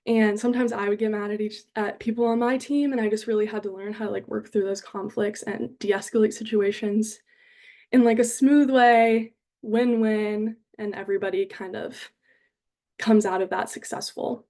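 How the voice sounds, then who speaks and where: A woman's voice: medium pitch, fairly even intonation, normal speed, mellow. Earnest, upbeat young American woman. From Denver, Colorado, United States. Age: around 20. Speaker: university student. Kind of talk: casual self-introduction to camera.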